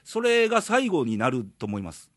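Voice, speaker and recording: A man's voice: a little high, huge pitch swings, moderate pace, dry recording. A man with a Kansai Japanese accent hosting a casual podcast, mixing polite phrasing with colloquial dialect. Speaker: podcast radio host. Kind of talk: casual radio chat.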